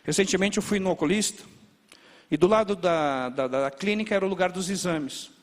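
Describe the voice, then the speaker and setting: A man preaching a sermon as a pastor, telling stories in a lively way with sound words. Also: high-pitched, normal speed. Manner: animated storytelling with sound words. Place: large church. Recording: long reverb of a church hall. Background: hall reverb.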